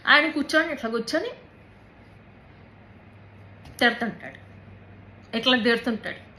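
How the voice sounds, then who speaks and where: Woman, interviewee, halting and repetitive, English words mixed in, slightly high, bright tense tone. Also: expressive, slight background noise, poor audio. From Andhra Pradesh, India. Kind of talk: personal account in an interview.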